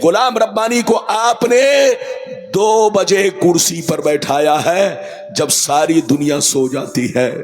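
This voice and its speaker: Male preacher with an Indian Urdu accent, high-pitched, impassioned, sing-song delivery to a night crowd. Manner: impassioned, rhythmic, repetitive, sometimes chanting. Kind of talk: fiery religious sermon at a night gathering. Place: large night gathering.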